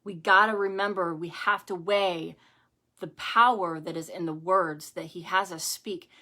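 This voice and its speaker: A woman's voice: fairly low pitch, fairly even intonation, measured pace, sharp tone. Woman giving a chatty home devotional. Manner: conversational, many fillers and repeated phrases. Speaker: ministry host. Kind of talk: live-streamed devotional talk.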